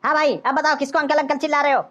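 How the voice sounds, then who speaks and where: A woman voicing a touchy balding young cartoon man who hates being called uncle, grumbling in a lowered voice. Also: steady tone, very fast, highs cut off, lightly acted. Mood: offended. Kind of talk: cartoon voice acting.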